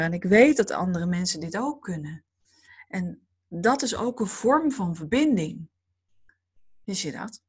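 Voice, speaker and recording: A woman giving a spiritual talk to a group, speaking slowly and calmly in a dreamy, reflective way. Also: medium pitch, husky. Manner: slow, calm, dreamy and reflective.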